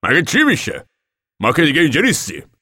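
A man voicing a steady, weary middle-aged farmer father who talks plainly and with hesitation. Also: fairly high pitch, husky, no echo, clean studio sound, pitched above the performer's own voice, full character voice.

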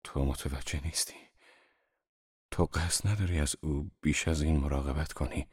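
A man voicing a tense young man in love in an audiobook, speaking quietly and in a hushed way. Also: very deep voice, fairly even intonation, slightly rough, voice pushed down.

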